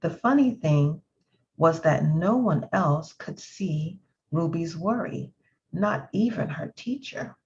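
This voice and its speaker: A woman's voice: deep voice, expressive, slow pace, darkish tone. A woman storyteller reading a children's picture book aloud, with a slightly dull recording. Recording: dull lo-fi audio with music. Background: faint music.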